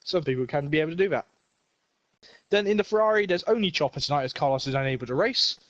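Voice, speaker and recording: A man's voice: a little high, very fast, fairly bright tone, no room sound. A young man commentating an online racing league, joking and rambling with lots of fillers, a little breathless and sick. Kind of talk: casual esports race commentary. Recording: dull lo-fi stream audio.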